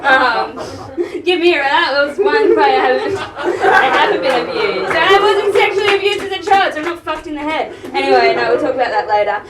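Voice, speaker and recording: A woman's voice: high-pitched, animated, brisk, a loud crowd. A young woman performing a stand-up comedy set, blunt and swearing, rambling with fillers, in a live venue with an audience. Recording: roomy live venue, mic heard from a distance. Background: audience laughter and room noise.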